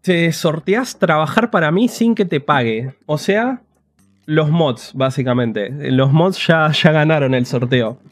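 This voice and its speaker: Joking Rioplatense streamer, slightly high voice. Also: male voice, measured pace, no echo. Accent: Rioplatense Spanish. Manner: joking, chatty, addresses chat often. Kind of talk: casual livestream gameplay commentary.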